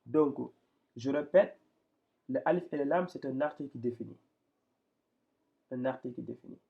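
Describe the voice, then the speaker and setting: A man's voice: medium pitch, moderate pace, vocal fry, dull audio. A man teaching a lesson, explaining step by step with patient repetition and frequent restarts. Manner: patient, repeats and restarts often. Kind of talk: explaining Arabic reading step by step.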